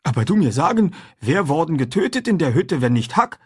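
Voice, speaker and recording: Frightened hungry man, high strained voice, broken grammar, husky, storybook character. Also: sing-song, a little fast. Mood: eager plain. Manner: broken, ungrammatical speech. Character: frightened hungry grown man, pleading and simple. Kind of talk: audiobook character voice.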